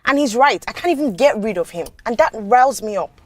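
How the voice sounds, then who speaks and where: An actress playing a driven, stern manager who speaks in a sharp, scolding way. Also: female voice, on the high side, animated, brisk, no echo. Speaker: company manager.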